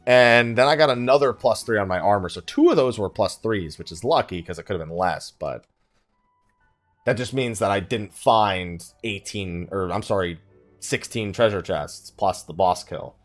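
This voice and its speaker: Faint music sits behind this let's play, where a YouTuber chats casually as he plays, rambling and thinking out loud. He speaks at a normal speed in a fairly low voice.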